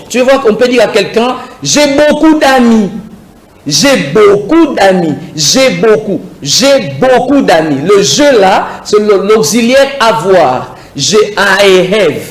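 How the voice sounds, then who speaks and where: A man teaching English to beginners on a TV show, drilling words slowly and cheering his students on. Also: high voice, reverberant, poor audio. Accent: French-speaking African. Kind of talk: beginner English lesson on TV with phone-ins.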